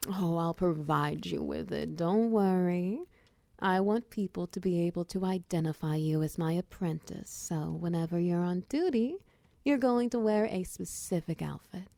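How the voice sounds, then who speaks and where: In an intimate, teasing ASMR roleplay, a woman voices a confident, flirtatious female minotaur wizard who runs a potion shop and addresses the listener directly. Her voice is lowish and her pace moderate, with no room sound. She comes across as businesslike yet friendly, coy and teasing, turning softly breathy at times.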